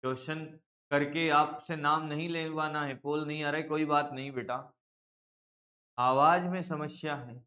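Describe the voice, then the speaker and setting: A male teacher with a notably high voice runs an online practice session. He talks slowly and deliberately, swinging between teasing scolds and coaxing encouragement as he works through problems. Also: steady tone, bright, forceful tone. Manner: brisk, scolding and coaxing, calls students "beta". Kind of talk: live online exam-practice class.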